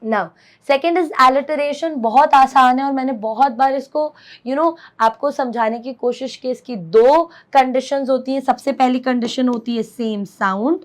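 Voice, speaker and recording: A woman's voice: high voice, a little slow. A woman teacher, mixing Hindi and as she explains a poem simply and keeps asking her students questions. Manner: explains simply, often asks the class questions; mixes Hindi and English. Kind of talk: classroom poetry lesson.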